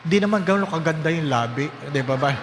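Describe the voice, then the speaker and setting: A man's voice: fairly high pitch, lively intonation, fast, big-room sound, background noise. A priest preaching a sermon with humor, putting on the voices of people in his stories and asking the congregation questions. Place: church.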